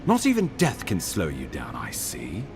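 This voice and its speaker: An actor playing an earnest, courteous imperial ambassador in a video game, speaking in a formal, eloquent and measured manner. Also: male voice, a bass voice, huge pitch swings, music in the background, full character voice. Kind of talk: dramatic video game dialogue.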